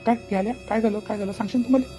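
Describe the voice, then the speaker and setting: A woman's voice: medium pitch, steady tone, very fast, warm tone, faint music behind, close to an everyday voice. A woman voicing a worried, fussing village father in a cartoon, repeating his anxious questions. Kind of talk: cartoon voice acting.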